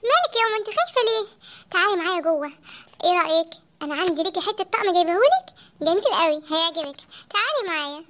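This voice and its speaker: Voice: extremely high pitch, sing-song, very fast, bright, forceful tone, a little hiss or hum, exaggerated voice. A voice actor playing a vain, possessed young wife in a comic cartoon, with an Egyptian accent and a smug, coaxing manner. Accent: Egyptian Arabic.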